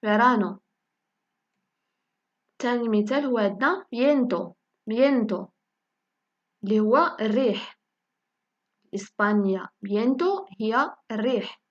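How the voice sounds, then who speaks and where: A woman with a Moroccan Arabic accent teaching a language lesson, saying each example word slowly and repeating it for learners. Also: a little high, lively intonation, muffled recording. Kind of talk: spoken lesson in Moroccan Darija.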